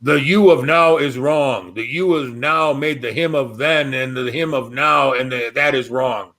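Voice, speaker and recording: A man's voice: medium pitch, measured pace, fairly bright tone. A man reading the muddled answers of a magic mirror in a spooky story, in solemn, garbled oracle phrasing. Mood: cryptic. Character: cryptic magic mirror spelling out muddled prophecies.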